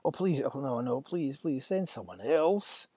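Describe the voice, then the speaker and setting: A man voicing Moses, an adult man speaking in a raised, urgent, husky voice. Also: medium pitch, sing-song, measured pace, dark tone, no room sound, studio quality. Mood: pleading.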